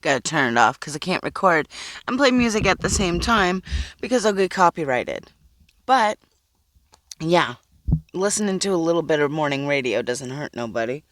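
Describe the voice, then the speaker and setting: A woman's voice: low-pitched, animated, moderate pace, fairly bright tone, dry recording. Exhausted woman vlogging from a car. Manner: giggly, rambling, talks to herself. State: sleep-deprived and tired. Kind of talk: casual vlog talk. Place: inside a parked car.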